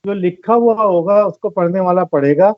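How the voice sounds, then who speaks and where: High-voiced man, dry dull recording. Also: normal speed, dry recording. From Pakistan. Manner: earnest, reflective, explains with stories and examples. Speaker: guest, volunteer organizer. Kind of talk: conversational interview talk.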